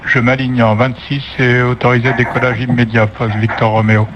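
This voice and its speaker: A man's voice: medium pitch, flat delivery, moderate pace, muffled recording. A man piloting an aircraft, giving brief procedural readbacks over the radio. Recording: noisy cockpit radio transmission.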